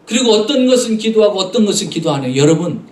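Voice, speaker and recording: A man's voice: high voice, big pitch swings, fast talker, darkish tone, echoey room, far from the mic. A man preaching a Sunday sermon as pastor, earnestly addressing the congregation and acting out voices in his stories. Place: church sanctuary.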